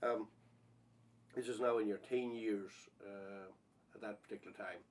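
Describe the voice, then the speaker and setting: A man conducting an informal oral history interview, feeling his way haltingly through his questions. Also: on the low side, fairly even intonation.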